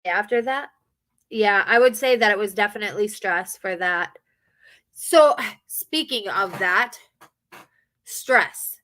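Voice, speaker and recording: A woman's voice: medium pitch, slow, long pauses, a bit bright. A woman who works a hotel front desk, telling stories in a rambling, casual chat and acting out what people said. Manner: chatty, rambling, acts out quotes.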